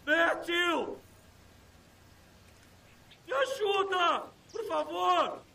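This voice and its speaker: A man's voice: very high-pitched, animated, gravelly, bright, forceful tone, far from the mic, exaggerated voice. An actor with a Brazilian accent playing a terrified captive man in a dubbed thriller, begging desperately for rescue with anguished screams. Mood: desperate pleading. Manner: anguished, drawn-out screams for help. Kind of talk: dubbed thriller film acting.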